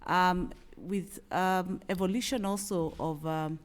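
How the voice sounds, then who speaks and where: A woman's voice: lowish voice, fairly even intonation, slow pace. A middle-aged woman from Kenya with a Kenyan accent, speaking as a panelist. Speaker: panelist, company executive. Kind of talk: panel talk.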